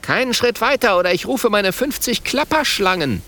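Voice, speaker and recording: A man performs a full character voice for a brave little boy dragon who barks out bold commands. He pitches it above his own natural voice, sitting high with big pitch swings, a bright, forceful tone and normal speed.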